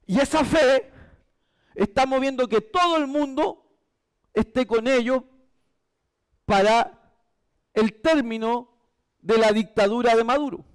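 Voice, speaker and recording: Male pastor, very high voice, emphatic church sermon, repeats key phrases. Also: slow, long pauses, clear, resonant tone. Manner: emphatic, repetitive preaching.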